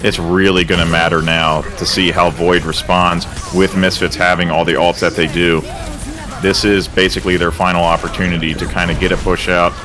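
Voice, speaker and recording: Very deep-voiced male esports caster. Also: music in the background. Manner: excitable, gets louder and faster in big plays; casual, uses filler words. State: out of breath. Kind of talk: play-by-play commentary.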